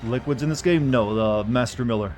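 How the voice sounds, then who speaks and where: A man's voice: mid-range voice, brisk, a little mellow. A man streaming a video game, giving casual play-along commentary with wry, rambling asides. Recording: game music underneath.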